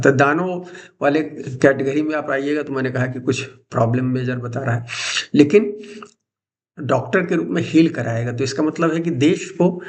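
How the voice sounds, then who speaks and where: A man's voice: mid-range voice, gravelly. A middle-aged man explaining astrology in an informal teaching talk, often restarting words as he goes.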